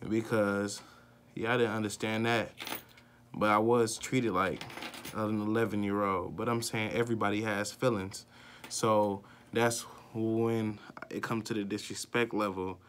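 Low-voiced young man telling a story. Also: steady tone, unhurried, slight background noise. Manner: loose and profane, with many fillers; voice climbs higher and louder when worked up. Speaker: vlogger. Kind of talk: casual personal storytelling.

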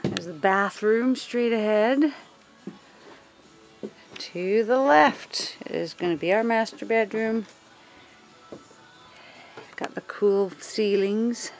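A woman filming a casual walkthrough of her house under renovation, pointing things out room by room in a relaxed way. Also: mid-range voice, takes it slowly, long pauses, faint music behind, rough recording. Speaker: homeowner giving a house tour. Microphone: handheld camera, filming while walking.

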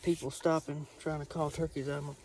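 A man rambles to a self-held camera out in the open, his speech full of fillers and restarts. His voice sits a little high and stays fairly flat, with faint outdoor noise behind it. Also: quick pace. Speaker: hunting vlogger. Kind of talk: casual self-filmed vlog talk. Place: outdoors on rural land. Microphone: self-filmed camera.

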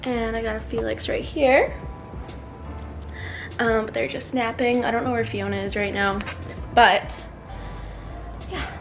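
A woman's voice: fairly high pitch, fairly even intonation, a little slow, long pauses, over music. A woman vlogging casually at home, chatty and full of "like" fillers. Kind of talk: casual vlog narration. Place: at home indoors.

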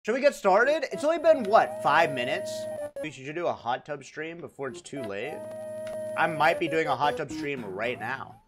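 A man's voice: a little high, big pitch swings, normal speed. A young man live-streaming a platform game, chatting casually with his viewers, joking, laughing and venting his frustration. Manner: laughing, exasperated, joking with chat. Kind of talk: casual live-stream chat while gaming. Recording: game music playing under the voice. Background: loud video game music.

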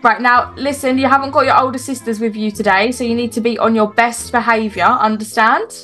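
A woman's voice: a little high, fairly even intonation, brisk, pushed and bright, soft background music. A woman voicing a firm mother in a game role-play, laying down the rules for her kids. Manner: firm, instructing.

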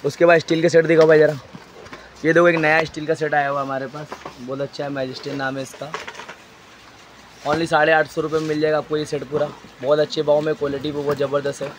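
A man showing stock in a crowded wholesale storeroom, briskly listing items and prices and telling a helper what to hold up. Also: on the high side, level tone, slight background noise. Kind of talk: walk-through product showcase.

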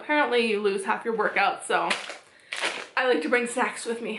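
Bright-voiced chatty young woman vlogger. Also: on the high side, reverberant, slight background noise, poor audio. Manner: chatty, upbeat, showing items one by one. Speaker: fitness vlogger. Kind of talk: casual chat. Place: small bedroom indoors.

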